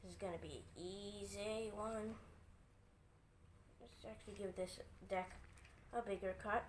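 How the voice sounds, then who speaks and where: A woman's voice: medium pitch, steady tone, unhurried. Woman doing casual card magician patter, noisy recording. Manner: informal, talking through each move step by step. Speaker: amateur card magician presenting a trick and tutorial.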